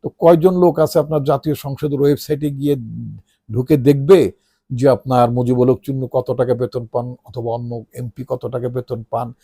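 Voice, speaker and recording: A man's voice: medium pitch, level tone, moderate pace, dark tone, breathy edge, no echo, studio quality. A middle-aged man with a Bangladeshi Bengali accent giving casual political commentary, talking loosely with fillers and rhetorical questions.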